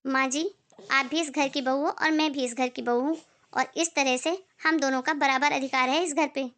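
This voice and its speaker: A patient young daughter-in-law who speaks with polite firmness, voiced by a woman. Her voice is high and bright, and it is recorded close and dry. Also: steady tone, moderate pace, no room sound. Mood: indignant. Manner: polite, firm.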